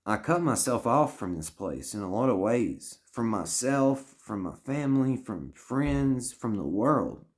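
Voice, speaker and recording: A man's voice: mid-range voice, sing-song, a little slow, hardly any pauses. A man in his thirties talking straight to camera, earnest and rambling, often swearing and restarting his sentences as he gives life advice. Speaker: vlogger giving life advice. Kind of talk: heartfelt personal monologue.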